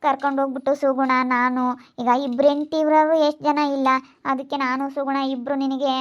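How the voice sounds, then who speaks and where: A woman's voice: high-pitched, little pitch movement, fairly quick, muffled recording, close to an everyday voice. A woman playing a desperate young wife who pleads to stay. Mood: begging. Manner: pleading, tearful. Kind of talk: amateur family drama skit.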